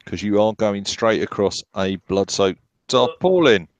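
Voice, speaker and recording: A man running a tabletop horror game as game master, narrating haltingly with many ums and restarts. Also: lowish voice, expressive, no echo.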